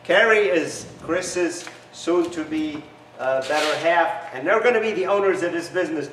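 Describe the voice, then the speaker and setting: A middle-aged founder whose first language isn't English makes an eager sales pitch and promotional demonstration in a large garage workshop, with broken phrasing. His slightly high voice is unhurried, recorded off-mic on a camera mic a few steps away, with echo and a noisy background.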